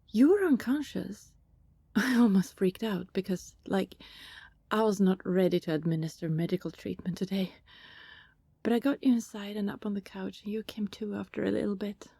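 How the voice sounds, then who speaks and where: In an intimate ASMR roleplay, a woman acts as a soft-spoken vampire neighbor who is friendly and fussing but keeps secrets. Her mid-range voice is mellow and breathy with plenty of fry, often sinking toward a whisper. The recording is very dry and close, with no room sound.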